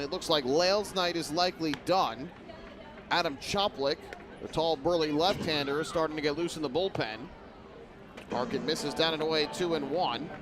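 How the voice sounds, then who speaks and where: A man's voice: fairly high pitch, noisy background. A man calling a baseball game as a play-by-play broadcaster, with descriptive, clipped phrasing. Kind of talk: live sports commentary.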